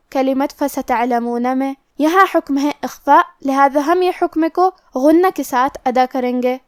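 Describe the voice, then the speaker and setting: Brief: female tajweed teacher, high voice, methodical, dry close mic. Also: dry recording. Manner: slow, methodical explanation of each letter rule. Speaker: Quran recitation teacher. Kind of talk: tajweed lesson explaining rules.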